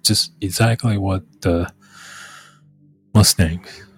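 A man chats casually as a livestream host, rambling in a halting way and repeating words and phrases. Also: sits low, fairly even intonation, husky.

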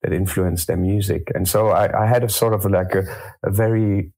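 A man's voice: low-pitched, steady tone, moderate pace, creaky, warm tone. A man from France, a singer-songwriter guest in an interview, answering thoughtfully with hesitant fillers.

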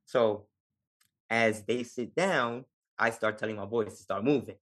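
A man's voice: on the low side, unhurried. New York Puerto Rican man telling stories. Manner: lively, laughs often, street slang. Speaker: podcast guest, Navy veteran. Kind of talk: casual storytelling.

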